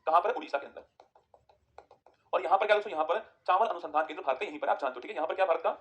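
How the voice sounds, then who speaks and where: A man teaching an exam-prep geography lesson, firing quick questions at students and answering them himself. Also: fairly high pitch.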